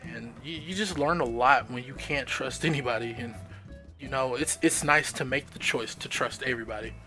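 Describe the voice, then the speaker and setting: A man's voice: mid-range voice, moderate pace, bright, forceful tone, soft background music. A man chatting casually on a live stream, telling stories in an emphatic, swearing manner. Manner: storytelling, emphatic, swears freely. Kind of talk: casual chat.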